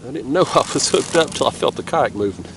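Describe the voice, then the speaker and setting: A young man with a cold-stuffed, nasal voice narrates a night fishing trip from his kayak on a river. His mid-range voice is lively in intonation, a little fast, and has vocal fry, and as a fishing vlogger his delivery is laid-back, chatty, and drawling. A distant camera mic outdoors captures him, with faint background noise.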